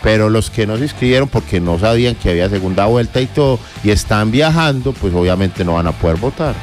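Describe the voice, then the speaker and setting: A man's voice: lowish voice, expressive, quick pace, a little mellow, faint music behind. A man with a Colombian accent, talking casually as a radio co-host. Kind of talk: casual discussion.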